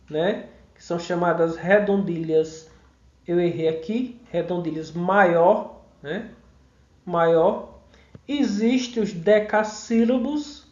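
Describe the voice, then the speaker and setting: A man's voice: sits high, a little mellow. A man giving an online mini-course lecture, explaining step by step, counting syllables aloud and often checking in with tag questions. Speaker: course instructor. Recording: roomy, dull lo-fi sound.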